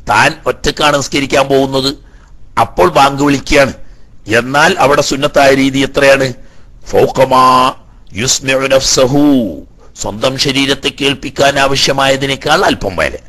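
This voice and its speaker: A man's voice: medium pitch, a bit bright. A male religious teacher giving a lecture on Islamic law, explaining Arabic phrases line by line and asking the class rhetorical questions. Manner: explains Arabic text line by line, then paraphrases.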